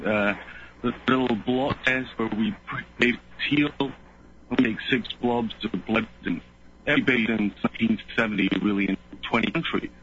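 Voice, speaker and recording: A male caller on a clipped phone line, talking haltingly with many fillers and restarts. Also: on the low side, fairly even intonation, a bit bright. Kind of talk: call-in radio talk. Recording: muffled phone line with faint noise.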